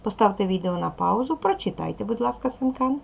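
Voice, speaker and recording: A woman teaching a video language lesson to young children, patient and slow, asking questions and waiting for answers. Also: mid-range voice, expressive, vocal fry, a little mellow, husky. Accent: Ukrainian. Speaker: primary school teacher.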